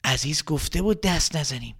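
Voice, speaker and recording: Panicky little storybook girl, high and jumpy voice, a guy putting her on. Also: lively intonation, a bit bright, slightly rough, exaggerated voice. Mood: fretful. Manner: exclaiming, fretful. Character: anxious young girl who spoiled the cake.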